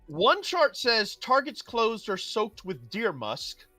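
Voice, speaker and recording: A game master narrating a tabletop game in a casual, animated way, often laughing while talking. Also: mid-range voice, takes it slowly, no room sound, soft background music. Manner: animated, laughing as they talk.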